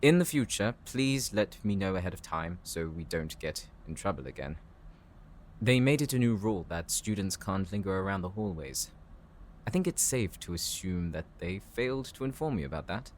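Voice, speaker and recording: A man performs a bookish professor in an audio roleplay with a low voice. He is polite, composed and formal, addressing the listener considerately. Faint ambient noise sits behind him. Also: expressive, normal speed. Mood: courteous, helpful. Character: courteous, bookish male professor, calm and considerate.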